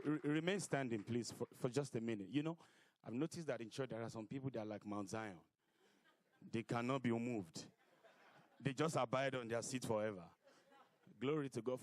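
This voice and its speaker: A man preaching a fiery church sermon as a pastor, loudly exhorting his congregation with call-and-response. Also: mid-range voice, a little hiss or hum. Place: church service before a congregation.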